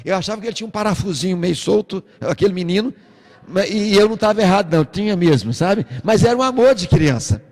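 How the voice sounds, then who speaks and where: A man with a Brazilian accent preaching a sermon as pastor, a lively storyteller who acts out the voices in his stories. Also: high-pitched, fast talker, long reverb tail. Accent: Brazilian Portuguese. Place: church.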